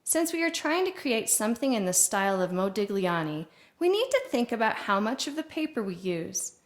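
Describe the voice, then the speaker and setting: A woman teaching an art lesson to young children on video, playful and clear with sing-song greetings. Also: mid-range voice, very animated, moderate pace.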